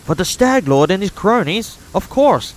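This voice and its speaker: A man's voice: sits high, sing-song, moderate pace, pitched above the performer's own voice. A man voicing an aggrieved middle-aged male frontier innkeeper, reading his lines with indignant complaint. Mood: bitter.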